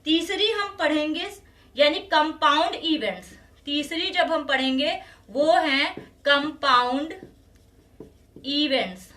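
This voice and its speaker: A woman maths teacher giving a classroom lecture, slowly repeating each phrase and often telling students to pay attention. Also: high-pitched, pushed and bright, far from the mic. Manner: slow and repetitive, says each phrase twice.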